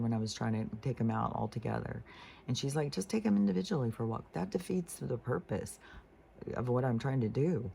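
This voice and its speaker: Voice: medium pitch, vocal fry, warm tone, a little hiss or hum. A vlogger telling a story in a casual, profane, rambling way while venting.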